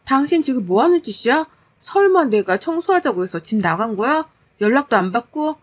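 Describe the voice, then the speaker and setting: A woman voicing an exhausted, fed-up young working wife, scolding in a sharp, exasperated way. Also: high voice, very animated, brisk. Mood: angry.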